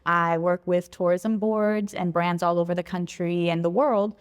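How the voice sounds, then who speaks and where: Woman in her 30s, lowish voice, tells her story smooth and articulate, bit of hall echo. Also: steady tone, normal speed. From born in Puerto Rico, raised in Philadelphia. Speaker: guest, travel blogger. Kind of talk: podcast interview.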